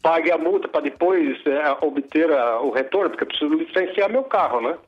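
A man with a somewhat high voice phones in to a radio program. The phone line makes him sound dull and muffled, and he stammers and restarts as he explains his problem. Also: a little fast. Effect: heard over the phone. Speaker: caller. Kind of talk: casual call-in complaint.

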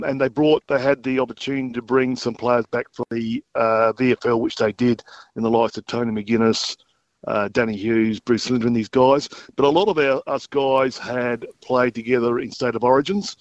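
A man's voice: medium pitch, no echo. A mature Australian man chats as a guest on a phone-in. His delivery is a laconic, unassuming drawl, matter-of-fact as he reminisces. The sound is dry and a little dull. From South Australia. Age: middle-aged or older. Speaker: retired footballer, interview guest. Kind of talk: casual interview reminiscence. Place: phone call into a radio show. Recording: slightly dull phone-in audio.

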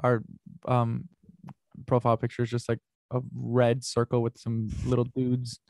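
A man's voice: mid-range voice, completely flat delivery, a little slow, darkish tone, no echo, studio quality. A young man from North America, a musician being interviewed, talking casually with lots of fillers and restarts. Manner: rambling, many fillers and restarts. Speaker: musician guest.

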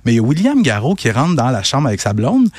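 Animated Québécois man telling a story. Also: mid-range voice, dry recording. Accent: Québécois French. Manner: animated storytelling, quick asides. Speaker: radio co-host. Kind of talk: casual news chat.

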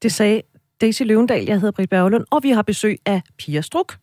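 A woman hosting a radio talk show, asking questions in a relaxed, frank way. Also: medium pitch. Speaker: radio host. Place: radio studio.

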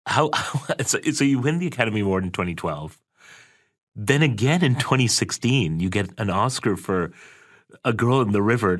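A man's voice: on the low side, a bit bright. A man hosting an interview, asking admiring questions with frequent restarts. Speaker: interview host.

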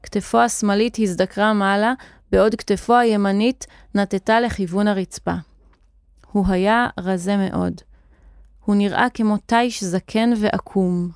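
A woman narrates a children's story with clear, expressive storytelling at a middle pitch. The recording is dry and close. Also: no room sound.

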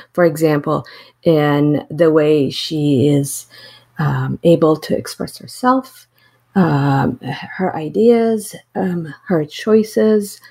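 A middle-aged woman from Syria speaks in a low, mellow voice. She answers interview questions slowly and thoughtfully, often pausing and restarting. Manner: thoughtful, hesitant, many fillers and restarts. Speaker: associate teaching professor.

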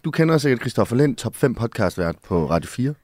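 A man's voice: mid-range voice, sing-song, a little mellow, no echo, studio quality. A man hosting a radio podcast, teasing and joking with his guest in casual banter. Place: radio studio.

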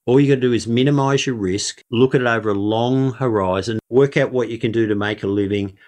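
A man's voice: mid-range voice, a little fast, a little mellow. A male lecturer speaking in an interview clip, earnest and encouraging. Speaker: entrepreneurship lecturer, guest.

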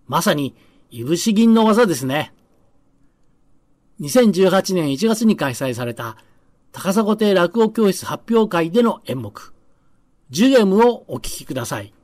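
A man's voice: high voice, very animated, a little slow, pauses often, a little mellow, dry recording, clean studio sound. A male radio host giving a cheerful scripted introduction.

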